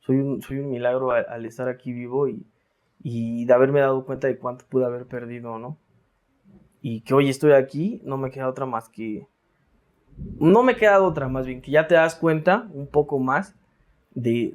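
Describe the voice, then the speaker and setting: A man's voice: mid-range voice, darkish tone. Reflective Mexican man, rambling storyteller. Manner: reflective, rambling, with many fillers and repeated words. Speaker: interview guest. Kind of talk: casual interview storytelling.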